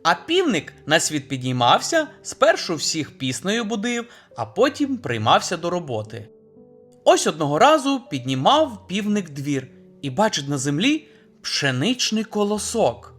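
Lively sing-song male storyteller. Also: high-pitched, a little slow, soft background music. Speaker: storyteller, dad. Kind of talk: fairy tale narration for children.

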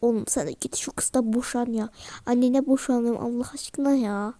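A woman voicing a family of characters in a game role-play, bickering loudly at times and often whispering. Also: on the high side, steady tone, normal speed. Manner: switches between squabbling characters, often whispering. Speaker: video creator voicing toy characters.

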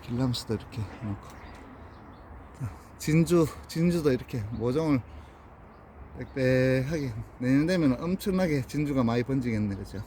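A man with a Gyeongsang Korean accent, giving an unhurried, casual walkthrough of his plants outdoors and in a greenhouse. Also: mid-range voice, expressive, mellow, slight background noise. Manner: plain, unhurried, pointing things out.

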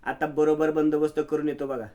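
A man's voice: on the high side, flat delivery, a little fast, mellow, lightly acted. A man voicing an obedient henchman who reports eagerly in rustic speech.

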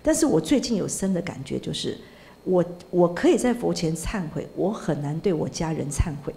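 Warm, low-voiced Buddhist nun preaching. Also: female voice, expressive, brisk, gravelly. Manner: storytelling, peppered with Hokkien words and tag particles. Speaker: Buddhist nun giving a dharma talk. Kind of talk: sermon.

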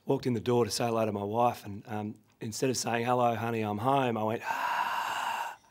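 At a podium microphone in a conference room, a man in his thirties with an Australian accent presents a professional legal seminar. His voice is husky as he recovers from losing it, medium in pitch, steady in tone and moderate in pace. He tells self-deprecating anecdotes laced with frequent fillers.

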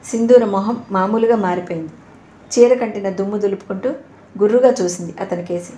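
A woman narrating an audio novel in a steady storytelling manner. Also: medium pitch, a little fast. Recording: echoey room, faint hiss.

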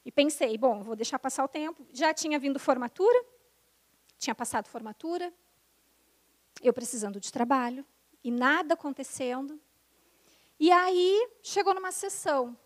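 A young adult woman sharing her personal conversion testimony, animated and emotional, acting out the voices of people in her story. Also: high-pitched, moderate pace, long pauses. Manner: animated storytelling, acts out quoted dialogue; emotional, intensifying at the climax.

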